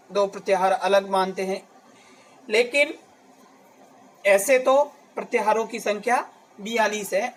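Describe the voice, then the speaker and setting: A man's voice: high-pitched, fairly bright tone, slight background noise, rough recording. A man teaching an exam-prep grammar lesson, addressing his students directly and repeating key terms to drill them. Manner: addresses students directly and asks then answers questions.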